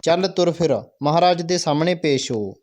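A man's voice: a little high, animated, normal speed, a little mellow, slight background noise, close to an everyday voice. A man reading the part of a stern, bossy royal soldier in a school play, scolding in his own voice.

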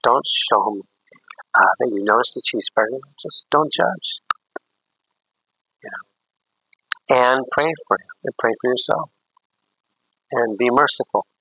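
A man's voice: mid-range voice, measured pace, pauses often, sharp tone, no room sound, poor audio. A man, a priest, teaching a catechism class in a rambling, anecdotal way with jokey asides.

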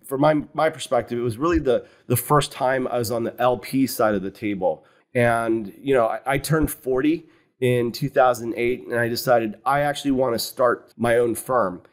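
Speaking over a video call webcam, this US fund founder in his fifties walks through his career as an interview guest. The setting is a home office lined with wooden cabinets, and his mid-range delivery is measured and explanatory, peppered with "you know."

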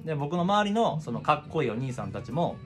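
Guy chatting a story to camera, fast and super animated, bit of guitar music under it. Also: a little high. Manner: expressive, conversational, acts out past reactions. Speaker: video presenter. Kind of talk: casual storytelling vlog. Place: small indoor room with records and guitars.

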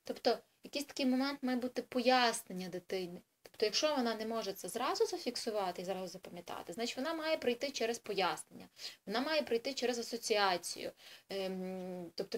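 A woman's voice: fairly high pitch, lively intonation, a little fast. A woman tutoring in a chatty, explanatory way for parents in an informal video lesson, with frequent hesitations and self-corrections. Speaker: English tutor for children.

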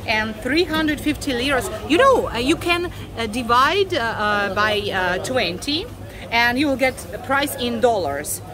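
A Russian woman with a Russian accent vlogging while walking through a fish market, chatting with sellers in halting English with many fillers. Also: a little high, lively intonation. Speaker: travel vlogger. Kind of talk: casual walking vlog. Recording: busy crowded market in the background. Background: market crowd.

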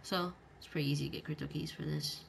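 A man's voice: on the high side, steady tone, quick pace, creaky. A male gaming video host giving casual gameplay commentary with slangy, bro-heavy talk. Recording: background game noise.

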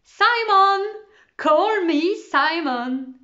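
A woman voicing a cheerful male English teacher who shouts and barks short phrases. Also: extremely high pitch, lively intonation, takes it slowly, lo-fi sound, voice pushed up, exaggerated voice. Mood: booming cheerful.

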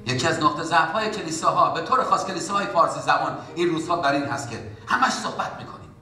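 A man preaching a sermon as a pastor, in an impassioned way that rises to loud exhortation. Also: fairly high pitch, animated. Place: church. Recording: echoey church hall from far off.

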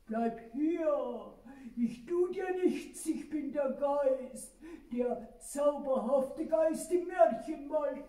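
A woman voicing a sly male robber who pretends to be a ghost, with theatrical, drawn-out exclamations, in a puppet play. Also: high voice, warm tone. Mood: coaxing. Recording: echoey, distant mic.

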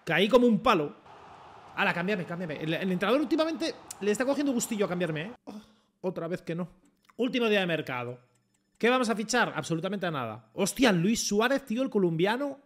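A young man from Spain, commentating his own football game run with excited swearing and rants. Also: sits high, fairly quick, slight background noise. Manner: excitable, swears a lot, talks to the referee and coach. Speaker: gaming streamer. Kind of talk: live gameplay commentary.

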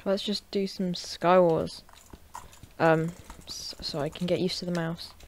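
A woman at her desk at home, casually talking through a product unboxing and gameplay, chatty and offhand, breaking into loud shouts while gaming. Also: fairly low pitch, flat delivery, measured pace. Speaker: tech reviewer and gamer.

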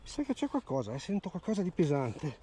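This casual outdoor vlog follows a man magnet fishing beside a river. He has a slightly high voice with a breathy edge and talks quickly, excitedly repeating words as he points out what he's pulled up.

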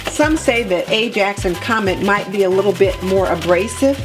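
A woman in her home kitchen, walking viewers through cleaning her sink step by step in a relaxed, practical way. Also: medium pitch, normal speed. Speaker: homemaking vlogger. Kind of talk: cleaning tutorial narration. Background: background music.

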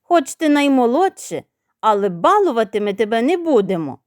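A woman's voice: fairly high pitch, sing-song, measured pace, a little mellow, dry recording, studio quality. Stern father rooster, as a woman puts him on. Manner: stern, scolding.

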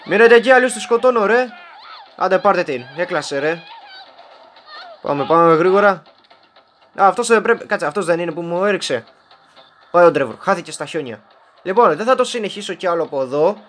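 A man's voice: high-pitched, expressive, pauses often, a bit bright, slight background noise. Joking Greek-speaking man commenting on gameplay. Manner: joking, talks to game characters. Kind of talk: casual let's-play commentary.

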